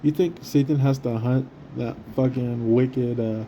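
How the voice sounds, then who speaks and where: A man preaching quietly from a hotel room in a rambling, profane, stammering way, full of restarts. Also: medium pitch, steady tone, slight background noise. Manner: deliberately speaking quietly. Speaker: street preacher. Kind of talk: casual preaching monologue.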